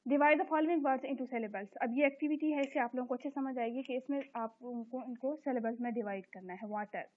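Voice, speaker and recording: A woman teacher explaining an English lesson step by step, repeating each word slowly. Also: high voice. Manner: explains step by step, repeats words slowly and checks with a recurring "theek hai". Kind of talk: recorded classroom lesson explaining English grammar. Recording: tinny phone-like recording.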